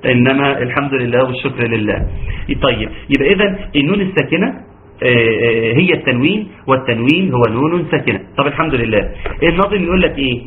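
A man with an Egyptian accent teaching Quran recitation in an online class, breaking into chanted examples between quick explanations. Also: medium pitch, expressive. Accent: Egyptian Arabic. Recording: tinny phone-like online audio.

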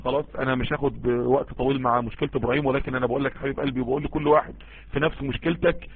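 An Egyptian man preaches and gives advice in a rapid, husky voice. He sounds earnest and emphatic and often repeats phrases for stress. The sound is thin and tinny, like a phone line. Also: medium pitch, steady tone, no room sound. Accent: Egyptian Arabic. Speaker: preacher answering listener messages. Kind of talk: informal Islamic sermon and advice.

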